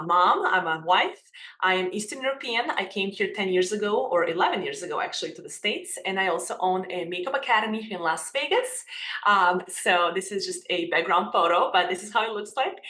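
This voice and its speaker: A Serbian-accented woman in her thirties who owns a makeup academy talks openly about her life as a guest in a casual video-call interview. Her medium-pitched voice sounds pushed and bright, and she's earnest, often restarting her phrases. The room is echoey.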